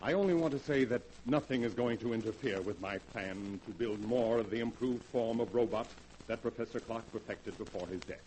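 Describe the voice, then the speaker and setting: An actor playing a scheming lab man with plans to rule the world, speaking in smooth, measured, coldly calm tones in 1940s radio-drama style. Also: medium pitch, a little hiss or hum, close to an everyday voice, rough recording. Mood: cold menacing. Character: scheming male lab assistant turned megalomaniac, cold and calm.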